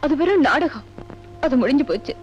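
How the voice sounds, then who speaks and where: A woman's voice: high-pitched, sing-song, a little fast, darkish tone, highs cut off, faint music behind. An actress playing a young woman posing as a daughter-in-law, apologetic and tearful. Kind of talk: film drama acting.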